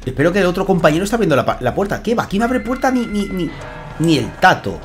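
A man with a Spain Spanish accent giving chatty, excitable live gameplay commentary, swearing and thanking his viewers. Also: high-pitched, fast, faint music behind. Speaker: gaming streamer.

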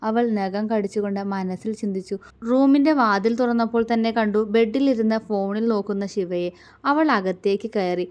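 A woman storyteller reading a romance story aloud in a soft, even manner. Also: medium pitch, normal speed. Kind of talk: scripted narration of a romance story.

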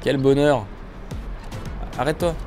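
A man giving casual, joking commentary while playing a bus driving game, with his voice jumping up in pitch when excited. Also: a little slow, faint music behind. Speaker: gaming video creator.

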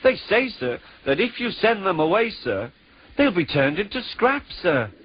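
A man's voice: fairly high pitch, sing-song, moderate pace, husky, voice pushed up, exaggerated voice. Man doing a timid stammering little engine. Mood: nervous. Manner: stammering, anxious, overly polite. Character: small timid young male engine, nervous. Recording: dull lo-fi with music.

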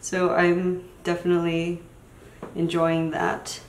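A beauty vlogger in her twenties, whose first language was Chinese, chats casually at a camera in a small room, rambling and trailing off into mumbles. Her voice is fairly low and monotone at a slow pace, with reverb and slight background noise.

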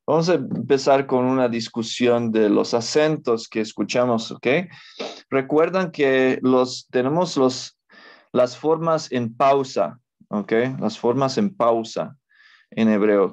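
A man's voice: mid-range voice, takes it slowly, darkish tone. A male teacher giving a language lesson, explaining patiently and checking in with his students often.

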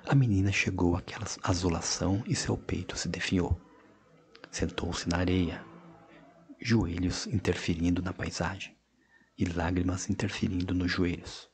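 Deep-voiced male audiobook narrator. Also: steady tone, moderate pace. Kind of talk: scripted narration.

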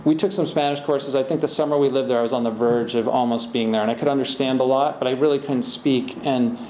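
In a library event room, a middle-aged man speaking as the author at a podium talks fast in a steady, darkish, medium-pitched voice. He answers audience questions conversationally, rambling and restarting, and the recording has roomy echo and faint hiss from a podium mic and distant camera.

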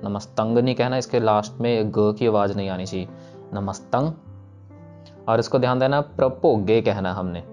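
A young man teaching the pronunciation of sacred verses, patiently repeating lines slowly syllable by syllable. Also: mid-range voice, a little mellow. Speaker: teacher of scripture recitation. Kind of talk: step-by-step pronunciation lesson, slow chanted examples.

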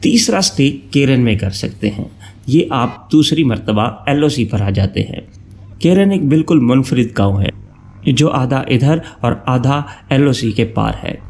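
A man from Pakistan, giving a steady, informative travel-guide voice-over that lists places one by one. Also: medium pitch, a little slow. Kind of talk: scripted travel narration.

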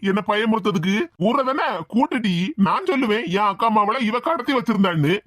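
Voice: mid-range voice, expressive, brisk, fairly bright tone, no room sound, studio quality, lightly acted. A voice actor playing a hot-tempered village man with a Tirunelveli accent, scolding and threatening his niece in a cartoon. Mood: angry scolding. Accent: Tirunelveli Tamil.

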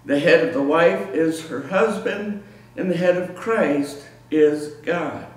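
A man's voice: on the high side, slow. A middle-aged man preaching a sermon in a small church, emphatic, with frequent repeated words and restarts. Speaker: pastor. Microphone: far room camera. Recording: echoey church room from far off.

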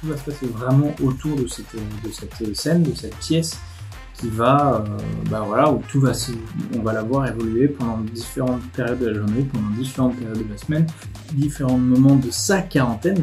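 Speaking at a normal speed, this man has a medium pitch and a slightly mellow tone. He's a video host and animator giving an informal, explanatory vlog talk to camera from a living room with a desk, while guitar music runs in the background.

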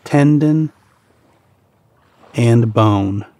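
It's a man's warm, mid-range voice, narrating a guided meditation. He talks soothingly and deliberately, stopping briefly between short phrases.

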